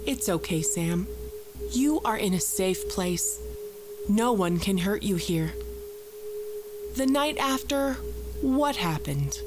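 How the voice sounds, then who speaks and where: In an audio drama therapy session, a woman plays a calm female psychologist, speaking slowly and deliberately in a mid-range voice. She soothes and coaxes like a hypnotist, controlled and repetitive. The recording sounds like an old cassette, with clear hum and noise.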